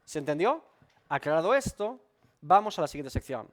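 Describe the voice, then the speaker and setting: Pastor guy teaching a bible study, high animated voice, keeps rephrasing and asking questions. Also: normal speed. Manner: emphatic, repeats and rephrases points, asks rhetorical questions. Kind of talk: expository Bible study sermon.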